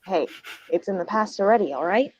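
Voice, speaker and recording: A woman's voice: mid-range voice, animated, fairly quick, a little mellow, lo-fi sound, voice pushed down, close to an everyday voice. A woman voicing a smug, gleefully callous teenage boy in a table read of a screenplay. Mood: mocking. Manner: brash, mocking.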